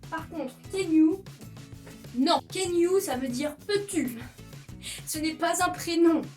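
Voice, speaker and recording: A playful young woman hosts a casual explainer video, her voice sitting high and bright. She stresses the mistakes with mock horror. She sounds a little far from the mic, with faint music underneath. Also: takes it slowly. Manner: playful, emphatic, exaggerates mistakes. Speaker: YouTuber teaching pronunciation.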